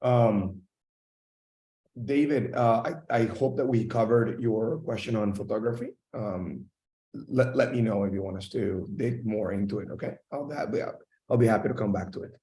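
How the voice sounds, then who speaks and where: Man, session host, relaxed mellow tone, failing voice, reading out questions, echoing room. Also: lowish voice, normal speed, distant mic. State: losing his voice. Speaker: webinar host. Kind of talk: question-and-answer moderating. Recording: roomy, echoing sound.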